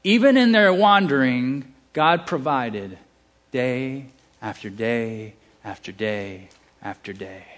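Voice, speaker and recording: A man's voice: medium pitch, animated, takes it slowly. A man with a Southern US accent preaching a sermon, emphatic, with casual asides and restarts.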